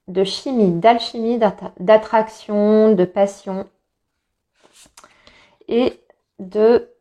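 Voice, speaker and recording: A woman's voice: mid-range voice, darkish tone. Chatty woman reading tarot. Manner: chatty, many fillers and restarts, reassuring. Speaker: tarot reader. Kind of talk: casual tarot reading for viewers.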